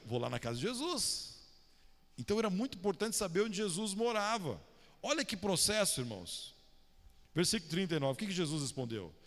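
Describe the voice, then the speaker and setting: A pastor preaches a sermon in a church hall, his fairly bright male voice sitting high as he fires questions at the congregation and calls on listeners by name. The recording carries the hall's long reverb.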